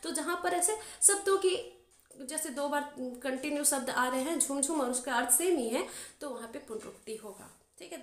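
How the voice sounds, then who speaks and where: Woman teacher, high voice, patient exam prep grammar lesson, keeps checking you follow, echoey. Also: fairly bright tone. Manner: explains patiently, checks in with the listener often; recites verse examples slowly and drawn out.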